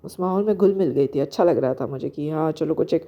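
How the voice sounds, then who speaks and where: A young woman telling a personal spiritual story, hesitant and pausing often with fillers. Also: low-pitched, dark tone. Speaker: spiritual vlogger. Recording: dull lo-fi recording.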